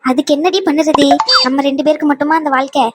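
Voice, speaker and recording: A woman's voice: high voice, steady tone, quick pace, loud music behind the voice, lightly acted. A woman voicing a wise old grandmother in a cartoon, scolding and advising by turns. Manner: scolding yet soothing, full of advice. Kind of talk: cartoon voice acting.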